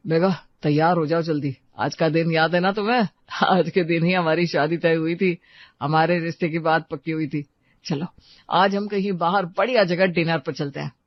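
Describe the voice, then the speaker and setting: Man voicing a gentle, caring husband. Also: a little high, steady tone, moderate pace, dry recording, dull audio, natural voice. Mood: eager. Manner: gentle, coaxing.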